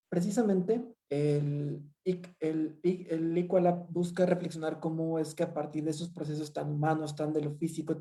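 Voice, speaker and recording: Moderator woman, trips on words a bit, mellow voice. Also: sits low. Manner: stumbles on words. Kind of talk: moderating a panel.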